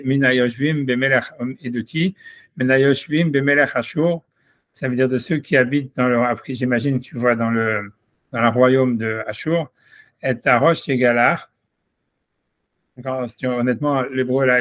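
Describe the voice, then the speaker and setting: A man's voice: medium pitch, fairly even intonation, moderate pace, fairly bright tone. A man, a rabbi explaining a Talmud passage in an informal class, thinking aloud with many restarts and asides.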